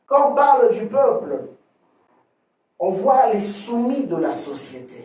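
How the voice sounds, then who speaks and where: A man preaches a sermon with a high-pitched voice, swinging between loud emphatic phrases and quiet asides and repeating words as he restarts. The room is echoey, and he sounds set back from the microphone. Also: recorded from a distance. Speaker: pastor. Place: church hall.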